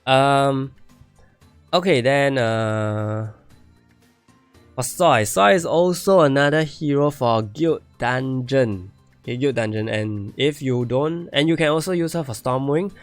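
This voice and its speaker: During a casual game stream, a man checks out viewer accounts, thinking out loud and going back over the same points as his voice starts to go. His pitch is medium and his intonation lively, though he speaks slowly, with faint music underneath.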